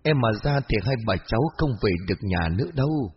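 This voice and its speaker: Brief: man playing an unseen spirit, hushed and ominous, husky voice, lo-fi with faint music. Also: mid-range voice, expressive, fast talker. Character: eerie unseen spirit with a cold hand.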